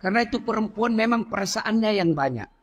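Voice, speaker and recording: A man's voice: high voice, lively intonation, fast, breathy edge. A middle-aged man with an Indonesian accent giving a humorous sermon in a mosque, joking with the audience. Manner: jokey, acts out quoted voices, addresses audience directly. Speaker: preacher.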